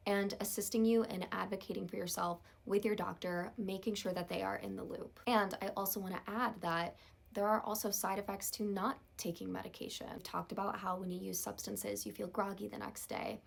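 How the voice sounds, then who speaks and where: A woman playing a therapist in a role-play, talking in a calm, measured, reassuring way. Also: medium pitch, gravelly. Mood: calm, supportive.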